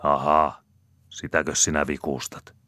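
A man's voice: a bass voice, level tone, bright, forceful tone, no echo, full character voice. A man voicing a chatty middle-aged cottager father who talks in a rambling, boastful rustic way. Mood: defensive.

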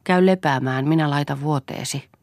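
A woman's voice: low-pitched, darkish tone, no room sound, clean studio sound, natural voice. A woman reading an audiobook, voicing a weary young wife who speaks in a subdued, pleading way.

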